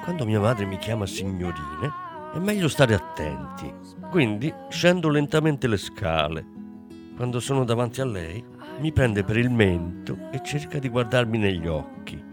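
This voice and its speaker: A man reading a children's novel aloud, expressive and animated. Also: fairly low pitch, moderate pace, over music. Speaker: audiobook reader. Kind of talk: audiobook narration.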